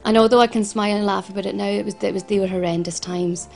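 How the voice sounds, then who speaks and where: Over soft background music, a Glasgow woman in her forties who founded a financial advice service talks fast in a steady, mid-range voice with vocal fry and a slightly mellow quality. She gives earnest personal interview testimony, frequently restarting and repeating herself.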